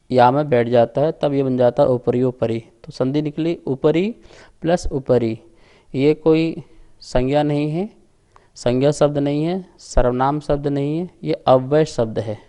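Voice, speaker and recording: A male scripture teacher speaks in an unhurried, deliberate way and draws out every word. His voice is soft and mellow, and he explains patiently as he leads a class through syllable-by-syllable recitation. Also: medium pitch. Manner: slow, deliberate chanting of sutra syllables.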